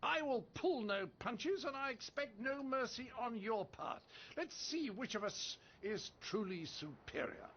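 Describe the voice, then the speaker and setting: A man's voice: extremely high pitch, expressive, unhurried, hardly any pauses, a little hiss or hum, exaggerated voice. A man voicing a boastful foreign debater who mocks his hosts in a pompous, theatrical way. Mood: haughty. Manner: pompous, taunting, sing-song delivery. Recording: dull lo-fi game audio.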